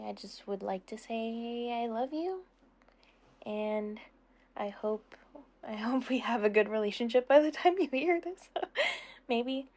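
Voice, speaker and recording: In a relaxed question-and-answer session for her subscribers, a young adult woman who makes content chats informally, wandering off topic and giggling. Her pitch is medium and her tone a little mellow.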